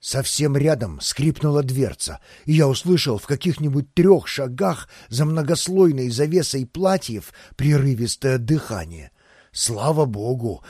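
A man narrating a first-person novel in an expressive, theatrical way. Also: on the high side, dry recording, clean studio sound. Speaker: audiobook narrator.

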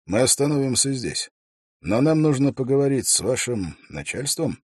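A man voicing a bearded older warrior who speaks in a quiet, calm, reassuring way. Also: mid-range voice, moderate pace, slightly rough, no room sound, clean studio sound, pitched above the performer's own voice.

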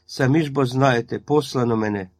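A man's voice: medium pitch, fairly quick, no room sound, lightly acted. A man reading a story aloud and voicing a frightened young boy who whimpers and pleads. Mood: pleading.

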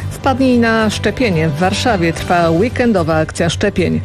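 A woman reading a scripted radio news bulletin in a steady, formal manner. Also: medium pitch, moderate pace, over music. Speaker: radio newsreader. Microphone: studio mic.

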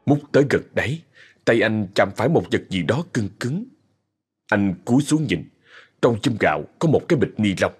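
Husky, expressive male storyteller. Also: fairly low pitch, moderate pace. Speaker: story narrator. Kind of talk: scripted story narration. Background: faint music.

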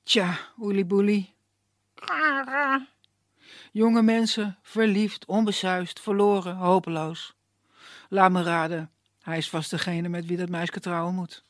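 A storyteller voicing a calm, fatherly older wood gatherer who gives directions in a puppet tale. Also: sits high, takes it slowly, pauses often, dry recording, studio quality, pitched above the performer's own voice.

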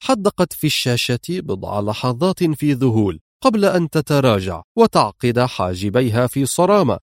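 A man narrating a thriller audiobook with expressive storytelling. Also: medium pitch, normal speed, no room sound, clean studio sound.

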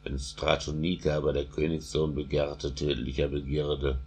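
A man voicing a doting, generous aging king in slow, solemn verse, with a husky voice. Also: extremely low pitch, completely flat delivery, full character voice.

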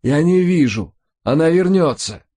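A man's voice: deep voice, moderate pace, darkish tone, husky. A man voicing a terrified, wounded male crook who wails and pleads frantically. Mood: panicked pleading.

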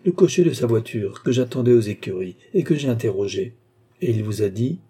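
A man reading aloud voices a phlegmatic, gluttonous nobleman who answers in unhurried, flat replies. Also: mid-range voice, husky.

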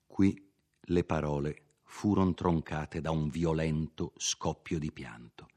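A man narrating a classic novel in a measured, expressive reading. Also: a bass voice. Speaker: audiobook narrator. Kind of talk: scripted literary narration.

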